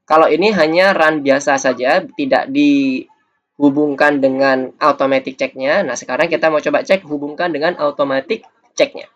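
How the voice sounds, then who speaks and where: A man's voice: fairly high pitch, fairly even intonation, normal speed. A man teaching a coding lesson over a screencast, explaining patiently step by step. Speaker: programming teacher. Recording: dull lo-fi audio.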